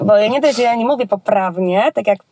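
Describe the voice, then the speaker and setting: A woman from Poland chats freely about her work as a children's entertainer, piling up hesitations and colloquial asides. Her voice is mellow and warm. The sound is dry, close, with no room in it. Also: mid-range voice, a little fast, no room sound. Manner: chatty and colloquial, frequent hesitations. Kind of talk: casual interview chat.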